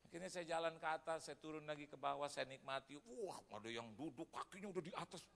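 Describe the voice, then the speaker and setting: Gravelly, bright-voiced male pastor preaching. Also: on the high side, fast. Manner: lively storytelling that acts out other people's voices; humorous and chatty, addressing the congregation as "saudara". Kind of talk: sermon. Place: church hall. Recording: long reverb of a large hall.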